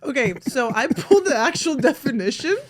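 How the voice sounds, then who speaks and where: A woman from Russia chats on a casual podcast, her voice sitting a little high. She tells stories in an animated, chatty way and keeps restarting her sentences. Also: fairly quick. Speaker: podcast host.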